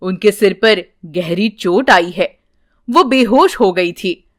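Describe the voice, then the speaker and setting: A woman's voice: medium pitch, lively intonation, takes it slowly, voice pushed down. A woman voicing a kindly elderly male holy man in a storybook, speaking in a soothing, reassuring way. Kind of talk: storybook character voice.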